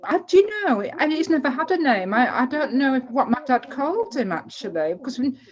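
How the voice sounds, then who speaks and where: An older woman on a video call tells a personal story gently and hesitantly, with fillers. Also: high-pitched, big pitch swings, a little fast, highs cut off. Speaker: workshop participant.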